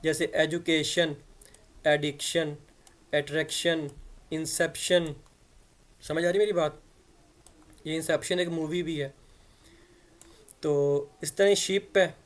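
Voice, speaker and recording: A man's voice: fairly high pitch, steady tone, slow pace, long pauses. A man teaching English grammar in a conversational way, spelling words out letter by letter and often checking that listeners follow. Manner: conversational, checks understanding with repeated "theek hai". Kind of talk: explanatory lesson in Hindi-Urdu.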